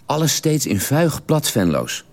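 A man in a radio drama telling a long, detailed story at the dinner table in a measured, drily precise way. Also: on the high side, sing-song, creaky, exaggerated voice. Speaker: character telling an anecdote at a family dinner.

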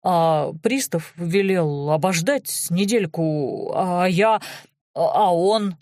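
A woman's voice: lowish voice, moderate pace, darkish tone, no room sound, studio quality, lightly acted. A woman doing a timid, wailing male guard. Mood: pleading. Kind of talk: audiobook character voice.

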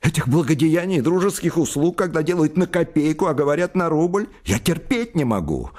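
A man doing a shrill, hysterical young man. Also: big pitch swings, brisk. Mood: shrill indignation. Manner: high-pitched shouting outbursts.

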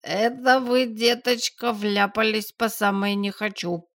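A woman's voice: medium pitch, fairly even intonation, measured pace, creaky, a bit bright. A woman voicing a drunk, smug middle-aged man who holds an official post, in an audiobook. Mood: drawling. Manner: slurred, drawling.

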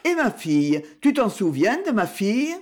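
A man voicing a weary, determined woman in her seventies who asks quiet, insistent questions. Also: high-pitched, big pitch swings, moderate pace. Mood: pressing.

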